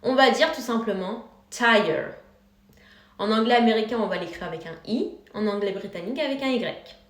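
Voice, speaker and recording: A woman teaching English car vocabulary, speaking slowly and clearly and repeating each word for her learners. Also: on the high side, roomy sound. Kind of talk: vocabulary lesson.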